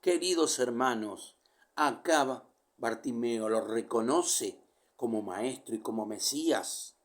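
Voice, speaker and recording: A man delivers a sermon, reading scripture one verse at a time and explaining each, his mid-range voice swinging from loud calls to near whispers. He speaks slowly and with lots of expression.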